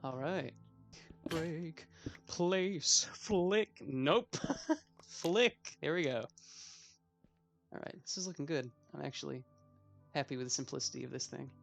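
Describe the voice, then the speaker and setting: A man's voice: a little high, takes it slowly, gravelly, pauses often, a bit bright, soft background music. A 21-year-old man giving casual gameplay commentary as a let's play host, rambling with self-mocking asides.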